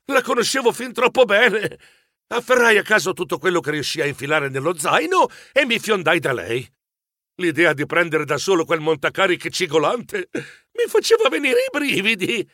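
A man narrating a children's audiobook in first person, animated and a little jittery. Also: sits high, moderate pace, dry recording, clean studio sound.

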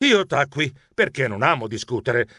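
A man's voice: medium pitch, sing-song, moderate pace, sharp tone, no echo, clean studio sound. A man narrating as an anxious, stammering mouse. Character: anxious, clumsy male mouse hero narrating. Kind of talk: expressive audiobook narration.

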